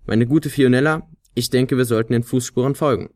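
A man voicing a little flute player, a curious boy who answers short and calm. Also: medium pitch, a little fast, close to an everyday voice. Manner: curt, calm, a little dreamy.

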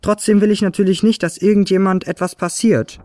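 A man voicing a blunt, grumpy little female talking flute in a storybook reading, snappy and gruff. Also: high-pitched, steady tone, fairly quick, darkish tone, no room sound, clean studio sound, pitched above the performer's own voice, close to an everyday voice. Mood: worried. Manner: snappy and gruff, then worried.

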